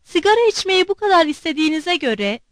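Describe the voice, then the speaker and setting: A woman voicing a familiar, confiding male house servant in an audiobook, speaking in a hushed way. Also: extremely high pitch, big pitch swings, fairly quick, dry recording.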